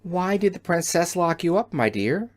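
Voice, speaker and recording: A reader voicing a kind, girlish young ruler who speaks sweetly and calmly, in an audiobook. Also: medium pitch, moderate pace, voice pushed up, lightly acted. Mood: gracious. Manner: sweet, calm, gracious. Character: gentle girlish queen, kind. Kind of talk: audiobook character voice.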